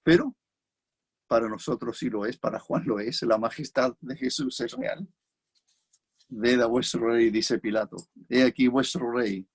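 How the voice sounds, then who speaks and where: A man's voice: mid-range voice, measured pace, pauses often, slightly rough. A man with a Chilean Spanish accent preaching an expository sermon, reflective and repeating key phrases for emphasis.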